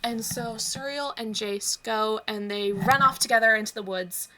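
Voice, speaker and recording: A woman casually recapping a tabletop campaign, swearing freely, acting out quoted lines and dropping into quick whispered asides. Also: a little high, pushed and bright.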